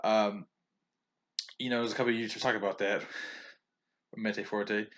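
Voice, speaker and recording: A man with a somewhat low voice talks his way through a haul video in a loose, rambling way. He restarts sentences, trips over names and chuckles often as he gives his opinions. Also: flat delivery, normal speed, a bit bright. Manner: chatty and opinionated, with frequent chuckles. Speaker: vlogger reviewing a manga haul.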